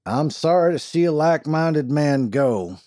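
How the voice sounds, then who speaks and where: A man voicing a big, commanding frontier sheriff who booms out orders and talks in a folksy drawl. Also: expressive, unhurried, warm tone, no room sound, clean studio sound. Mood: wry.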